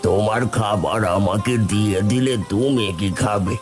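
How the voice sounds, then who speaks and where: A man's voice: on the low side, normal speed, natural voice. A man voicing a hungry, humble old village man in a cartoon, speaking in a pleading, grateful way. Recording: background music.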